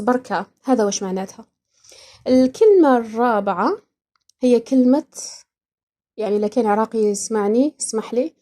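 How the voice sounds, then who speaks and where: A woman's voice: a little high, mellow. A young woman from Iraq with an Iraqi accent, hosting a podcast and chatting casually and playfully, laughing often. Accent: Iraqi, speaking Algerian dialect. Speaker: podcast host. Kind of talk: casual explainer chat.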